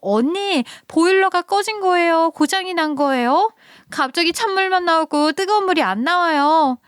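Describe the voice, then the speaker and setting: A woman's voice: very high voice, animated, moderate pace, dry recording, studio quality, pitched above the performer's own voice. A woman putting on a whiny young sister-in-law. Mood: whining.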